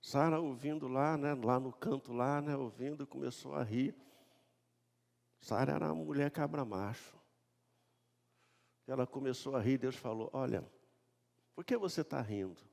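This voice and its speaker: A man with a Brazilian Portuguese accent preaching a sermon as a pastor. He reads scripture loudly, then tells the story in a casual, joking tone. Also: medium pitch, moderate pace, gravelly, long pauses. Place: church sanctuary. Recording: long church reverb.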